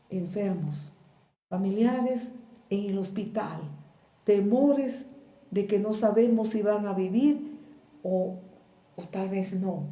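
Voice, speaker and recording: A woman pastor with a Guatemalan Spanish accent, preaching a sermon in a slow, measured way with pauses and repeated words. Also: medium pitch, warm tone, reverberant. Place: church.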